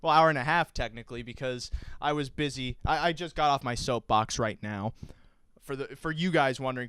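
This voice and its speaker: A man's voice: on the high side, a bit bright, clear, resonant tone, no echo. A young man hosting a racing podcast, bantering theatrically and mocking himself. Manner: theatrical, self-mocking, swings into silly voices. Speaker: host.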